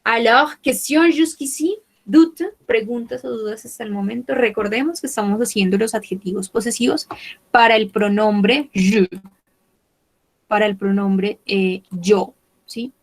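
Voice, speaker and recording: A woman teaches French online, speaking slowly and without hurry, repeating each word two or three times and carefully spelling out its pronunciation like a patient teacher. Her voice is on the high side, and the recording is rough.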